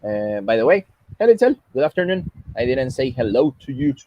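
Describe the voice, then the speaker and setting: A man's voice: mid-range voice, very animated, normal speed, lo-fi sound, a little hiss or hum. Patient man teaching English. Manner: explains patiently, switches between Spanish and English. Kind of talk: online class instruction.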